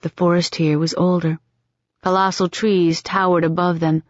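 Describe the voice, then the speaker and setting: A woman narrating an audiobook in an even, steady storytelling manner. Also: on the low side, normal speed, no room sound. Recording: dull, dry audiobook recording.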